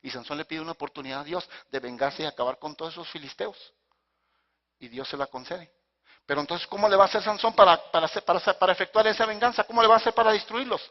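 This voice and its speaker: Pastor, male, higher-pitched, emphatic sermon delivery; dull lo-fi recording with a long reverb. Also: fairly even intonation, quick pace. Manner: emphatic, swings between loud appeals and hushed asides. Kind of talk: preaching a sermon.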